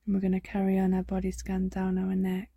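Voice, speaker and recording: A woman guiding a body scan meditation, speaking softly and soothingly, often slipping into a whisper. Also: mid-range voice, completely flat delivery, gravelly, husky, dry recording. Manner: slow, soft, soothing, drifting into whispers. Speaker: meditation guide.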